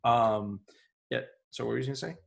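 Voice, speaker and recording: A man's voice: mid-range voice, brisk, gravelly. A man hosting a podcast, talking in a laid-back, slangy way and laughing easily. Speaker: podcast host. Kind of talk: casual podcast chat.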